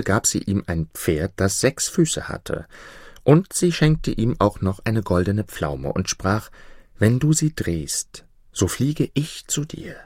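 A man reads a fairy tale aloud in a low voice, with very lively intonation. His delivery is expressive and full of shifts in tone. The recording is dry and close. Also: no room sound. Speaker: storyteller.

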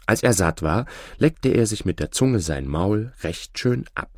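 A man reading a fairy tale aloud slowly and expressively. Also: on the low side, dry recording, studio quality. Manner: slow, expressive, shifts voices for characters. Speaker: storyteller.

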